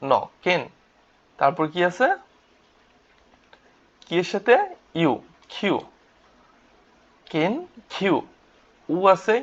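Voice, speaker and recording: A man's voice: on the high side, a bit bright. A man teaching vocabulary in a lesson, spelling out syllables and asking and answering his own questions. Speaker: Japanese language teacher. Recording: dull lo-fi recording.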